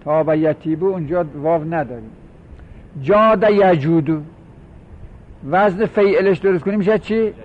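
Male grammar teacher, a touch higher pitch, slow drawn-out examples, self-questioning lecture style, dull lo-fi sound. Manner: drawls out example words slowly, poses and answers his own questions. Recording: dull lo-fi recording.

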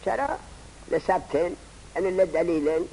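A man teaching a grammar lesson, posing rhetorical questions and answering them himself in a slow, drawn-out teaching cadence. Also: on the high side, mellow, slightly rough, rough recording. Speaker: seminary teacher. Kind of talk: classroom lecture on Arabic grammar.

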